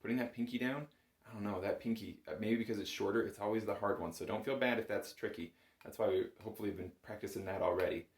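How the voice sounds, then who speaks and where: This bagpipe instructor talks fast in a voice on the low side, guiding a student step by step with patience and encouragement. The conversational lesson takes place indoors in a small home music room, and the audio has a roomy echo.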